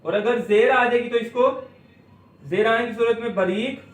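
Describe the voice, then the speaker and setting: A very high-pitched man gives a step-by-step lesson in Quran recitation, with a reverberant sound. He asks his own questions and answers them, and he slowly elongates words to show how they are pronounced.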